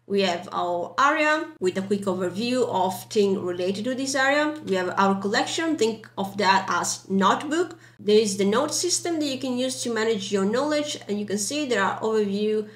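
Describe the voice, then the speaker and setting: A young woman with non-native English guides a software walkthrough in an echoey room. Her voice sits at a medium pitch. She explains things step by step in loose, informal phrasing. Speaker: tutorial presenter. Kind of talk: casual screen-recorded software walkthrough. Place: indoor room. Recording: roomy, echoey voice track.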